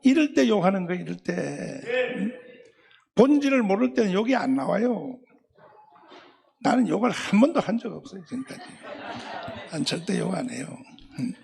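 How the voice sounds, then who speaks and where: An older man, a pastor preaching a live sermon to a congregation, combative and mocking, scolding listeners in rough slang. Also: high voice, expressive, normal speed, long pauses, darkish tone, in a large hall.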